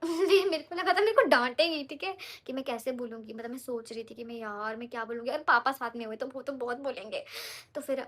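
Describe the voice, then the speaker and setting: A woman's voice: sits high, steady tone, fairly quick, a bit bright. A young woman vlogger telling a story in a casual, chatty way while doing her makeup, often checking in with her viewers.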